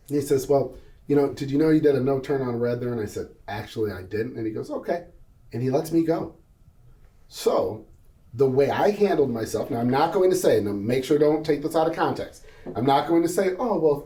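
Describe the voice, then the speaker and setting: Recorded from a distance with roomy, off-mic sound, this man speaks at medium pitch with a dark tone. As a guest on a business panel, he tells a personal story in an earnest, vivid way, voicing each person in the conversation.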